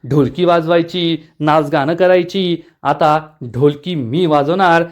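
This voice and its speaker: A man's voice: a little high, slow. A man voicing a scheming, ruthless middle-aged village matriarch who talks defiantly. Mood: scheming defiance. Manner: defiant, threatening.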